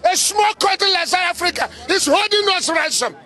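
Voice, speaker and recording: Man, angry street speaker, very high bright voice, light crowd behind. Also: lively intonation, brisk. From Nigeria. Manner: emphatic, angry, shouting at times. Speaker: stranded migrant speaking out. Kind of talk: impassioned street address.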